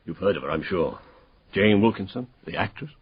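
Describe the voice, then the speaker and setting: An actor playing a blunt, cocksure English police inspector with colloquial, matter-of-fact delivery in a radio drama. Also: male voice, low-pitched, sing-song, fairly quick, husky, no room sound, full character voice. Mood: brisk, matter-of-fact. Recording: muffled radio drama recording.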